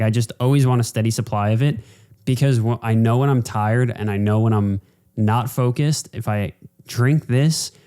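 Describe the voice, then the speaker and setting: A man's voice: medium pitch, dark tone. A man hosting a casual solo podcast, talking in an informal, rambling, sweary way. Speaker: podcast host.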